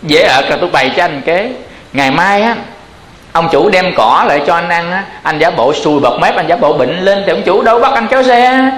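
A man's voice: high-pitched, lively intonation, brisk, fairly bright tone, echoey room. Man doing a sly scheming donkey. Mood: smug. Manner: smug, coaxing.

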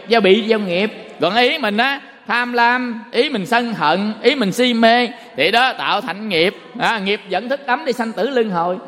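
A man giving a Buddhist dharma talk, a folksy, animated storyteller who quizzes his listeners. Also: high voice. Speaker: Buddhist monk. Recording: long hall reverb.

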